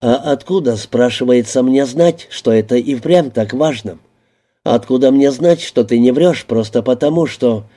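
A defiant young woman, scared but snapping back with sharp, indignant retorts, as a male reader puts her on. The voice stays very dark and mellow beneath a slightly raised pitch, the way an audiobook reader would shade a character. Her lines come in short bursts that are often cut off. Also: normal speed, natural voice. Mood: distrustful. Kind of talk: audiobook reading.

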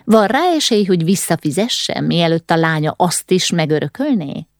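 A woman voicing a spiteful middle-aged baroness with a shrill, piping voice and snide, needling remarks. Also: animated, dry recording, studio quality. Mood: sneering.

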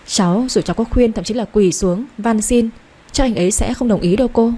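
A woman's voice: a little high, a little fast, warm tone, slightly rough. A woman voicing a timid young heroine who speaks politely and pleads anxiously. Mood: pleading.

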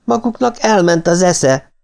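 A man's voice: mid-range voice, creaky, mellow, pitched above the performer's own voice, lightly acted. A man voicing a frightened male captive who pleads with his kidnappers. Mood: shouting. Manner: pleading, agitated.

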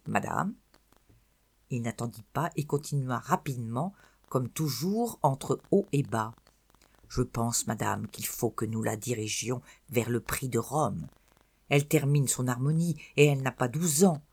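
A reader voicing a stern old male music teacher who talks in a murmured, secretive, confessor-like way, shifting between loud and soft. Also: medium pitch, measured pace, slightly rough. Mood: insistent. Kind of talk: audiobook character voice.

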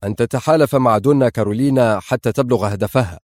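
A man's voice: mid-range voice, fast talker, darkish tone, no echo, studio quality, lightly acted. A man voicing a tense male spy agency chief who briefs with hesitant fillers.

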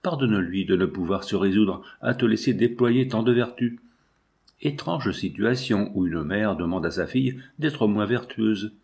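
A tender mother in a classic novel pleads with her daughter, distressed and gentle, as a man reads her in his own lowish voice. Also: normal speed, creaky. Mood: anguished.

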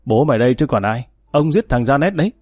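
A man's voice: medium pitch, animated, fast talker, a little mellow, no echo, studio quality, soft background music, close to an everyday voice. A man reading an audiobook, voicing a boastful, brash male thug with a scarred face. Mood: cocky. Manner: cocky, brash.

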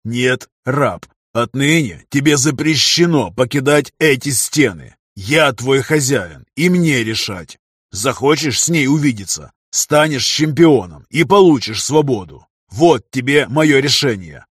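A man's voice: mid-range voice, no echo, studio quality, natural voice. A man playing Darius, a stern gladiator master. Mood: stern weary. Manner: slow, stern, loud and commanding. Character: stern weary male gladiator owner. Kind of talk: audiobook character voice.

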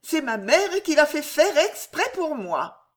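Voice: sits high, big pitch swings, takes it slowly, pitched above the performer's own voice, exaggerated voice. A reader voicing a vain young prince who speaks nonchalantly in an audiobook. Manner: nonchalant, languid.

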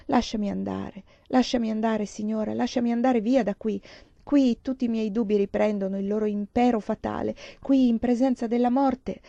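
A woman's voice: a little high, gravelly, mellow, no echo, lo-fi sound. Woman reader voicing a solemn, despairing old priest; dry, close sound. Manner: sorrowful, solemn. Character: despairing older male priest who lost faith.

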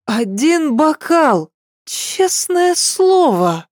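A woman's voice: sits high, sing-song, darkish tone, no room sound, clean studio sound, pitched above the performer's own voice, heavily acted. A woman doing a tipsy, whiny young woman. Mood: tipsy insistent. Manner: drawn-out, slurred, indignant insistence.

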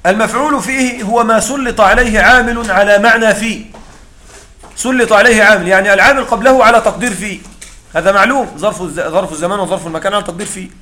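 Explaining Arabic grammar rules through examples, a man checks whether his class understands. He speaks quickly in a high, sharp voice, recorded in an echoey room with faint noise.

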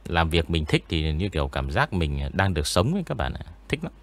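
Deep-voiced man, rambling. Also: fairly quick. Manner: relaxed, rambling, many fillers. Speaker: ghost story narrator. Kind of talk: casual interview chat.

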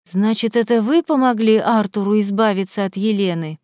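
A frightened young woman lashes back at her jailer with sharp, indignant words, as the storybook reader puts her on. Her pitch rises above the reader's own voice. The sound is close and dry. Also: moderate pace, dry recording, natural voice. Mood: frightened anger. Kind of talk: audiobook reading.

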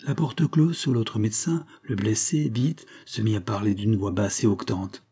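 A man narrating a story in a measured, literary way as an audiobook reader. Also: lowish voice, warm tone, slightly rough.

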